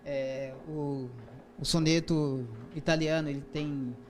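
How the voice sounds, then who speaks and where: A man with a Brazilian Portuguese accent talks through poetic form in an interview, slowly and patiently, with plenty of fillers and restarts. His voice sits a little higher than usual for a man. Faint room ambience hums behind him. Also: level tone, darkish tone, slight background noise. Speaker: poet and author guest. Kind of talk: interview, explaining and reciting poetry.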